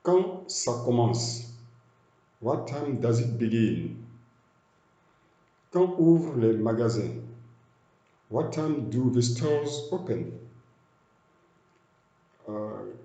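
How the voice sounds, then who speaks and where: Slow, deliberate man teaching English. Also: mid-range voice, big pitch swings, dark tone, roomy sound. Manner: slow, deliberate, repeats each phrase in two languages. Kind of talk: slow bilingual language lesson.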